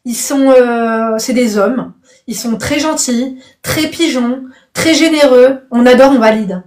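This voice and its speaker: High-pitched woman live-stream host, casual chat, frank opinions, affectionate pet names for viewers. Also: slow pace, darkish tone. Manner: blunt and outspoken, calls viewers darling; punctuates opinions with "I swear" and "I'm telling you the truth".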